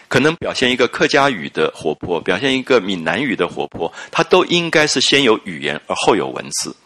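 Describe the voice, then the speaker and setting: Deep-voiced older man lecturing on literature. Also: fairly bright tone. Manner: reflective, with many drawn-out "啊" fillers. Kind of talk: lecture on a classic novel.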